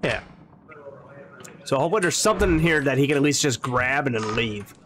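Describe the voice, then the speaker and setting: A man's voice: mid-range voice, expressive, brisk, fairly bright tone, slight background noise. A man streaming a video game, chatting casually and hopefully while he plays. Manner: chatty, hopeful, repeats himself. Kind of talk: casual gaming chat.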